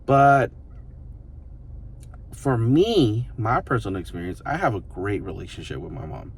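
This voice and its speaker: Speaking directly to the camera, a vlogger in his thirties muses in a loose, rambling reflective monologue, leaning constantly on fillers like "you know" and "like." His very low voice is sing-song and unhurried, with a faint room hum behind it.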